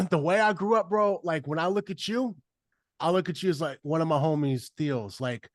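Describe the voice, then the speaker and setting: A man hosting a podcast in a loose, rambling chat full of fillers and slang. His voice sits a bit high and sounds dry and close. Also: normal speed, no room sound. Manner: rambling, filler-heavy, says bro a lot. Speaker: podcast host. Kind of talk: casual interview chat.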